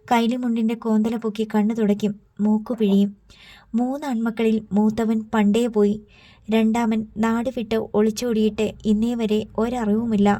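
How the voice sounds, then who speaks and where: A woman reading a literary novel aloud as an audiobook narrator, in a measured, unhurried storytelling manner. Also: fairly high pitch, warm tone.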